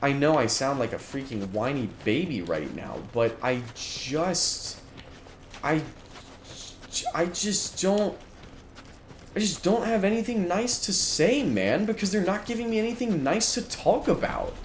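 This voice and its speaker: A man's voice: a little high, big pitch swings, measured pace. Exasperated ranting male streamer. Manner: exasperated ranting, frequent restarts. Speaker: gaming streamer. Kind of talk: live let's-play commentary. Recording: echoey room with background noise.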